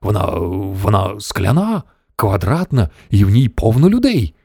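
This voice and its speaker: A man voicing an excited adult male astronaut in an audiobook, shouting in alarm with a raised pitch. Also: measured pace, gravelly, breathy edge, no room sound, clean studio sound, full character voice. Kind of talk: audiobook character voice.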